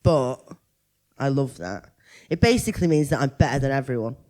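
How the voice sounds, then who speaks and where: Speaking briskly in an extremely low voice, a comedian guest on a podcast rambles through casual chat with plenty of energy and self-mockery.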